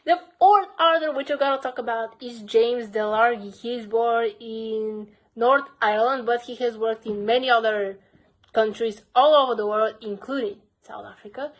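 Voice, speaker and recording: A young woman vlogs about her crime book collection, her Bulgarian accent clear and her voice on the high side at a normal speed. She comes across as earnest, sticks to simple phrasing, and uses "basically" often.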